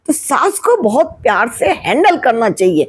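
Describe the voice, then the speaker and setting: A woman's voice: fairly high pitch, big pitch swings, moderate pace, slightly rough. A woman in her sixties, a retired teacher, gives patient family advice, asking questions and answering them herself. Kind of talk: explanatory family advice talk.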